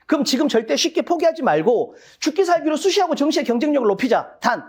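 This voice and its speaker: An English cram-school instructor at an info session for parents, talking bluntly and emphatically with rough slang and rhetorical questions they answer themselves. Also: sits high, big pitch swings, fast. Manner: asks rhetorical questions, then answers them.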